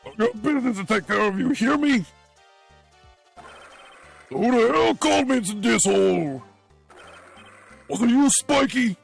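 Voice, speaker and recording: A man puts on a menacing mob boss with a put-on Brooklyn accent. The voice sits high and gravelly, bullying and loud. It is a voiced game playthrough. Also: lively intonation, a little slow, long pauses, faint music behind, heavily acted. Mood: threatening.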